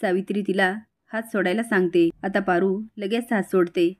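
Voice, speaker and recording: Woman, serial recap narrator, brisk dramatic storytelling. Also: medium pitch, steady tone, darkish tone.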